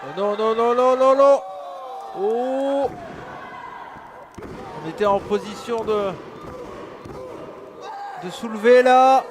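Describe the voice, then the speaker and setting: A man works as a wrestling commentator, calling the action live in a very high-pitched voice. He is excitable and exclaims often, yet his pace stays fairly unhurried. A crowd can be heard behind him. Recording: noisy live event with crowd. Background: crowd at a wrestling show.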